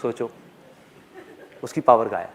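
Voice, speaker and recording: A man's voice: medium pitch, unhurried, very noisy. A man giving a motivational stage talk, telling a personal story with animation and putting questions directly to the audience. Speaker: motivational speaker. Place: on stage before a live audience.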